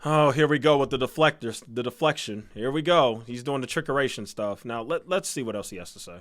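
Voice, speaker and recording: A man's voice: medium pitch, brisk. A man giving angry reaction commentary on a video, scolding and calling out the person in it. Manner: angry, scolding, escalating to shouting.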